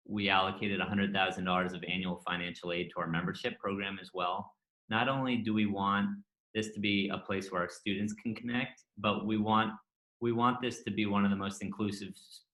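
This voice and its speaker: A man's voice: fairly low pitch, fairly bright tone. Man addressing a meeting in an echoey room. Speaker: community program leader. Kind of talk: public remarks at a community meeting.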